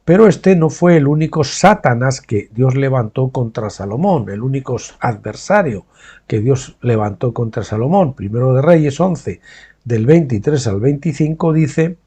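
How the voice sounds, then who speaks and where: A man's voice: medium pitch, lively intonation, mellow, slightly rough. A man reading a Bible study aloud, breaking off with his own asides and questioning tags to check that listeners follow. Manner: pauses to explain names and terms in his own words. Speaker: Bible teacher.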